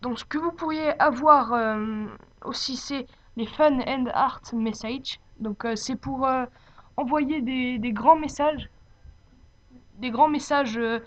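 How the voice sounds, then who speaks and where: A woman giving an informal, unscripted software tutorial, speaking hesitantly as she searches for her words. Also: high-pitched, slow. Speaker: tutorial presenter. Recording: dull lo-fi home microphone.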